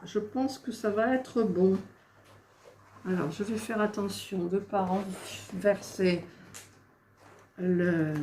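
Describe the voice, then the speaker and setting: In an echoey room with a little background noise, a woman with a medium-pitched, somewhat dark voice vlogs a craft project. She talks to herself while hunting for missing pieces and throws exasperated remarks to her viewers in casual crafting chatter.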